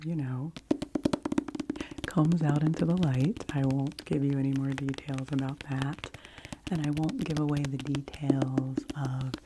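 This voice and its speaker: Slow, hushed library whisper from a woman. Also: rumbling low. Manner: hushed library whisper, slipping into very soft speaking. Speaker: ASMR book reviewer. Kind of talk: ASMR soft-spoken book review. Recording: noisy close recording with clicks and tapping.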